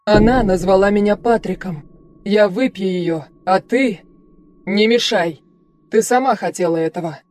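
A woman voicing a cold, commanding dead spirit that has possessed a girl, speaking slowly and imperiously. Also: medium pitch, a little mellow, lightly acted. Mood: cold menace. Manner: imperious, icy, slow.

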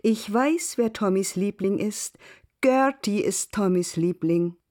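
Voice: medium pitch, takes it slowly, mellow, voice pushed up, lightly acted. A reader voicing a teasing young girl who speaks with a sly, mocking tone. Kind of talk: radio reading.

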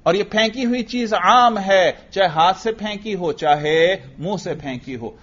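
A man's voice: high-pitched, fairly bright tone, dull audio. A man teaching a lecture class, explaining step by step and asking himself questions before answering them. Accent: Urdu. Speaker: teacher of Arabic grammar.

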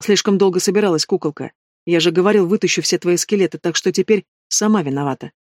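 A menacing, contemptuous bandit boss, read by a man in an audiobook. He mocks and threatens in a fairly high male voice, recorded dry and close with no room sound. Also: fast, a little mellow, no room sound, lightly acted. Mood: threatening. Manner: mocking, low and threatening. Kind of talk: audiobook reading.

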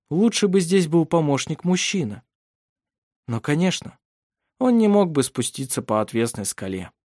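A man narrating an audiobook in a steady, measured, dramatic reading. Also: mid-range voice, no room sound, clean studio sound.

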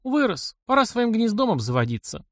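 A man's voice: high voice, very animated, fairly quick, no echo, studio quality, voice pushed up. A man voicing a worried older peasant woman who fosters a young man, in an audiobook, speaking in a fretful, pleading way. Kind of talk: audiobook character voice.

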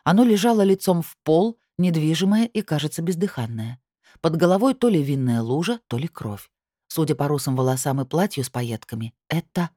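Low-voiced woman narrating an audiobook. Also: warm tone, no room sound, studio quality. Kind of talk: first-person audiobook narration.

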